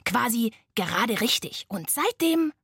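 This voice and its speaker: A woman's voice: a little high, sing-song, unhurried, fairly bright tone, no room sound, clean studio sound, full character voice. A woman doing a grumpy drawling sloth. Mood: easygoing. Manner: gruff, slangy, drawling. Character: grumpy, laid-back lazy sloth.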